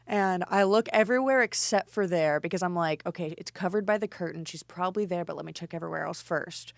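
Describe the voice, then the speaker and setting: A woman's voice: lowish voice, quick pace, creaky, dry recording, studio quality. A woman in her twenties, a band singer, telling a story in casual chat and acting out her own lines. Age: 20s. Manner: animated, swearing, quoting herself. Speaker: podcast guest, band singer.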